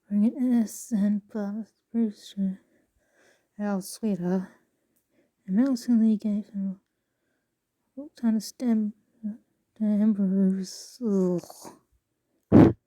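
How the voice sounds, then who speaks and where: A woman casually reading passages aloud with a halting, stumbling delivery and soft asides. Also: mid-range voice. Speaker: video creator reading excerpts aloud.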